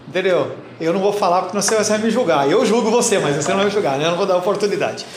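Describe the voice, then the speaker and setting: Man, pastor, Bible-class teaching, blunt and teasing, high voice, echoey church. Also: racing. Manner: blunt, teasing, addresses listeners by name. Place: church hall. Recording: roomy church echo, faint noise.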